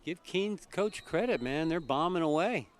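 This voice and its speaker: A man's voice: on the high side, moderate pace. A man calling a college football game play by play, packed with stats and player numbers. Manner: energetic, stat-heavy play calling. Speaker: play-by-play commentator. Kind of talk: live football commentary.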